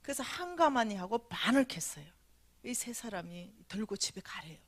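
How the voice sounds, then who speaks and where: A middle-aged woman telling a dream story in a revival sermon, animated, acting out the voices and often dropping to a whisper. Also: mid-range voice, moderate pace. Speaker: revival speaker.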